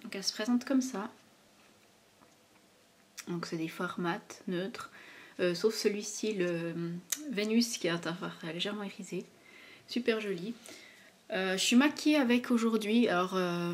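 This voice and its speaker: A young woman with a mid-range voice chats casually about her favorite products as a beauty vlogger. She speaks at a moderate pace, sounding hesitant and using lots of fillers in this relaxed product review.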